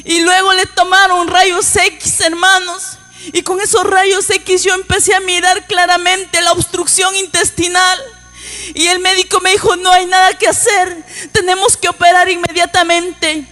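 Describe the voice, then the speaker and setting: A woman's voice: very high voice, flat delivery, moderate pace, bright, forceful tone, faint music behind. A woman giving an emotional church testimony, tearful and pleading, often calling out to her listeners as brothers. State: crying at times.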